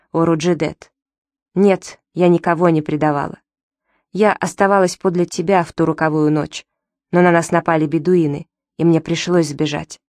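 A woman's voice: lowish voice, darkish tone, no echo, clean studio sound, natural voice. A woman reading the part of an aging, guilt-ridden servant woman who speaks in a mournful, fatalistic way.

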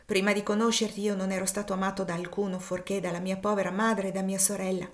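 A woman's voice: mid-range voice, level tone, fast talker, natural voice. A woman reading the part of an impassioned young male fugitive, grieving and defiant, with rising, emphatic outbursts in an audiobook.

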